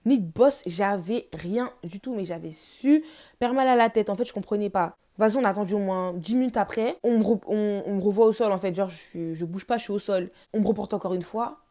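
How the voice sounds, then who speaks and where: A woman's voice: mid-range voice, brisk, mellow. Young woman telling a slangy storytime. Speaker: vlogger. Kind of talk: casual storytime. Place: home, noisy household.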